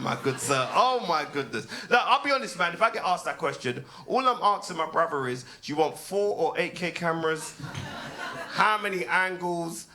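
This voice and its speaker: A British man, performing a stand-up comedy set, swinging between low deadpan asides and loud laughing punchlines. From United Kingdom.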